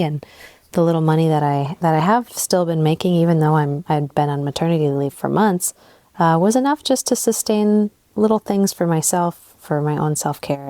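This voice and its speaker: A woman in her thirties from Southern California hosting an unscripted solo podcast, soft-spoken and reflective, a little sleep deprived, speaking into old earbud headphones while sitting on her bed. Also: deep voice, dry recording. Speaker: podcast host and relationship coach. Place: bedroom, recording on her bed. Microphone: old wired earbud headphones mic.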